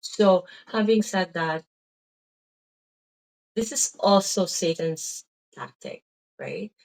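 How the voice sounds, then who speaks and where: In a slow, fairly low, creaky, slightly mellow voice, a middle-aged woman from the Philippines rambles casually about her faith, sounding drained of energy. Her Filipino-accented talk is full of "um"s and "right?" tags, and the recording is low quality.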